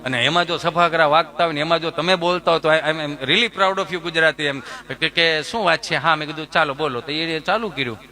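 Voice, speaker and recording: A man's voice: a little high, a little fast, hardly any pauses. A man, a stand-up comedian telling chatty stories on stage who keeps checking in with the crowd.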